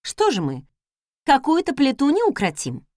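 A woman's voice: high voice, wildly swooping pitch, moderate pace, darkish tone, no echo, clean studio sound, pitched above the performer's own voice. A woman voicing a bold young wizard's wife who speaks in a commanding, playful way.

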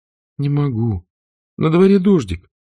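A man's voice: fairly high pitch, big pitch swings, unhurried, dark tone, pitched above the performer's own voice. A man doing a timid, stammering little boy. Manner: shy, hesitant, stammering. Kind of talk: audiobook character voice.

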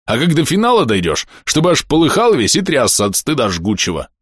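A man voicing a boisterous fanged male clan comrade who talks loud, gleeful and mocking. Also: mid-range voice, wildly swooping pitch, brisk, no echo, studio quality. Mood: pleading.

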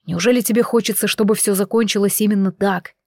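A woman's voice: mid-range voice, fairly even intonation, fast, a little mellow, no room sound, studio quality, lightly acted. A woman reading the part of an anxious, protective man who speaks urgently and imploringly.

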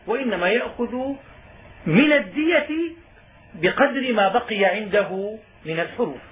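A man with a high voice teaches a class, reading a passage from a legal book and then explaining it in plain words, stressing each point. The sound is thin and phone-like, with a faint hiss behind him. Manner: reads a line of the text, then explains it in colloquial speech, with rising emphasis. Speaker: teacher of Islamic jurisprudence. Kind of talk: explaining a legal text in a lesson.

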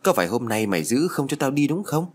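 A man's voice: mid-range voice, very animated, fast talker, pitched above the performer's own voice. A man voicing a frightened teenage girl who pleads in a trembling voice. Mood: scared.

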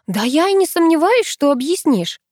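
A woman voicing a sassy, quick-tempered teenage girl in an audiobook, with snappy, mock-stern lines. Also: high voice, big pitch swings, a little mellow, no echo, clean studio sound, pitched above the performer's own voice.

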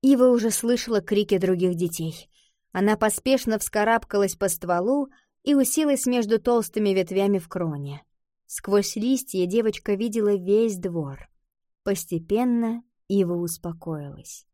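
A woman narrating a children's fantasy audiobook in a calm, even storytelling voice. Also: mid-range voice, moderate pace, no echo, studio quality.

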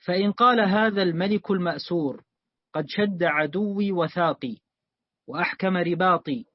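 Male reader, formal and measured; high voice, dry dull recording. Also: no room sound. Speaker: student reading the text aloud. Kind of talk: formal reading aloud of a classical text.

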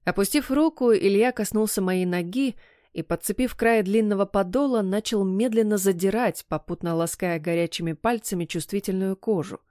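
A woman narrates a first-person romance in a steady, intimate storytelling voice at a middle pitch. The recording is dry and close, with no room sound. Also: moderate pace, no room sound. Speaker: audiobook narrator.

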